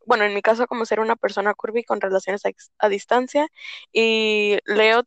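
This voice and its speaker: A woman's voice: fairly high pitch, dry recording. A woman hosting a casual podcast interview, chatty, playful and teasing. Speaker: podcast host.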